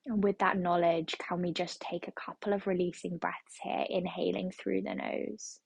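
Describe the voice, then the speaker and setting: Woman, yoga teacher, guided meditation, flat even delivery, dry close sound. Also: lowish voice, gravelly, slightly rough, no room sound. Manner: slow, soothing, repetitive phrasing.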